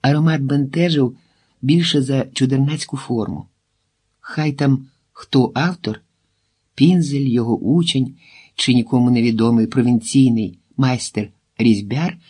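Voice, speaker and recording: A man reads an audiobook aloud in a calm, measured manner. His voice is dark and mellow, with a slightly husky edge. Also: medium pitch. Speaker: audiobook narrator. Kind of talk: audiobook reading.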